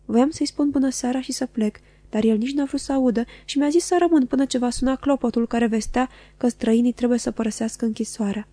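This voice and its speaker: A woman narrating a classic novel as an audiobook in a measured, expressive reading. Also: a little high, no room sound.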